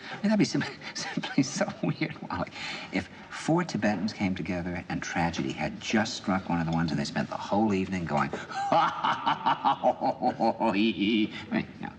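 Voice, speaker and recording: A man's voice: low voice, very animated, moderate pace, gravelly, background noise, heavily acted. An actor playing an intense middle-aged man confiding over dinner in earnest, probing film dialogue. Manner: earnest, probing, builds to emphatic bursts.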